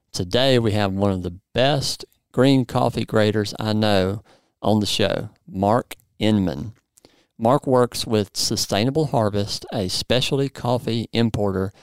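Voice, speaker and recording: Gravelly low-voiced man in his forties. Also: no echo, clean studio sound. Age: 40s. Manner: upbeat, playful explainer. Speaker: podcast host. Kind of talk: conversational podcast interview.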